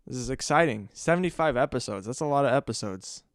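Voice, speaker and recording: A man's voice: medium pitch, lively intonation, fast talker, no room sound, clean studio sound. A young man hosting a podcast alone, rambling in a jokey, self-mocking way. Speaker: podcast host. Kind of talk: casual solo podcast chat.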